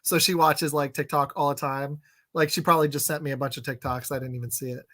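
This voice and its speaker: A man's voice: a little high, fairly even intonation, quick pace, a bit bright. A man in his thirties hosting a casual sports podcast, rambling with lots of fillers and restarts. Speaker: podcast host.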